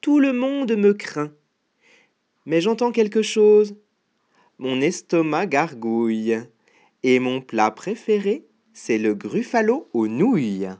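A storyteller voicing a small, clever, boastful mouse in a read-aloud storybook, speaking in a cheeky, squeaky way. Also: very animated, takes it slowly, a little mellow.

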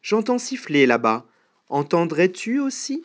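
A lumbering storybook monster, gruff and easily fooled, with a growl in its words, as a storyteller puts it on. It speaks slowly, and its pitch rises and falls widely. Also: sing-song. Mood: gruff, wondering. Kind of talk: storybook read-aloud.

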